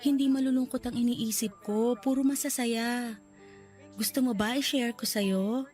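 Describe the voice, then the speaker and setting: In a radio drama with faint music underneath, a woman plays a gravely ill young woman in a hospital bed, pleading tenderly with the man she loves. Her slightly high, soft voice keeps a steady tone and measured pace, breaking into tears in a lightly acted performance.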